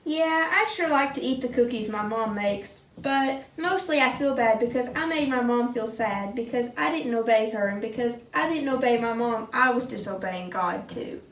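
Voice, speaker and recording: A woman's voice: on the high side, natural voice. A woman voicing a clumsy, earnest little girl puppet in a church puppet skit, recorded from afar in an echoey room. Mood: sorry. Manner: slow, earnest, childlike. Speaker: puppet character in a kids class skit. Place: church classroom. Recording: roomy hall, mic far off.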